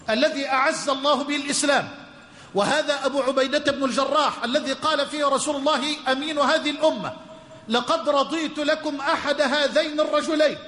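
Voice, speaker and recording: A man with an Egyptian accent preaches in a strikingly high voice, pressing his points through fervent repetition. He breaks off into quick everyday asides to the congregation. His voice rings out through a roomy hall with a long, trailing reverb. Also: bright, forceful tone. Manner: impassioned, with dramatic repetition and colloquial asides. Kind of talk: sermon storytelling.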